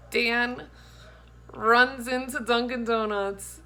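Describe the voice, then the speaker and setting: Speaking very slowly with a steady tone, this woman in her thirties has a voice on the high side that sounds pushed and bright. As a vlogger host, she chats casually and tells stories to the camera in a playful, giggly way. It is a home phone recording made at arm's length in her kitchen, with faint background noise.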